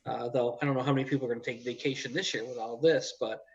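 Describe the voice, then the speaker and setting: A man's voice: mid-range voice, steady tone, fast talker. A man hosting a casual live chat, explaining things in a plain-spoken way. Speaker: event organizer and show host. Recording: dull lo-fi audio.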